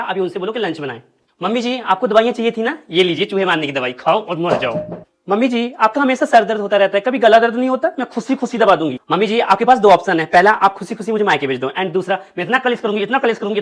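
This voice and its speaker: A woman's voice: mid-range voice, natural voice. A woman playing a cheeky, scheming young daughter-in-law who mocks her mother-in-law. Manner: mocking, quick and cheeky.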